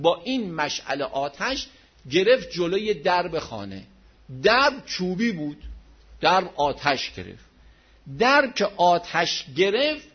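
A man preaching a dramatic religious story, rising to loud outcries and dropping to hushed low passages. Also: slightly rough. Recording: dull lo-fi recording.

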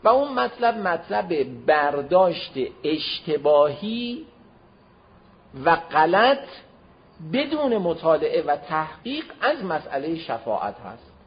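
A man giving a religious lecture, explaining to listeners, with emphatic swings between loud and soft delivery. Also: on the high side. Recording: dull lo-fi recording.

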